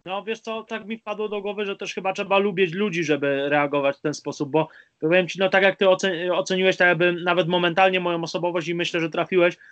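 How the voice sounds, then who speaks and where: A man's voice: high voice, steady tone, fast talker, a bit bright, lo-fi sound. A man interviewing his guest in a casual chat, hesitant and restarting as he forms his questions. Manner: hesitant, restarts while asking.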